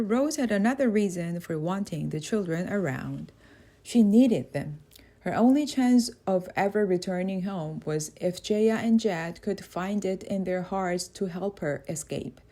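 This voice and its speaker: A woman reading a children's novel aloud as an audiobook narrator, calm and even. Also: mid-range voice. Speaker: audiobook reader. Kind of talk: storybook narration.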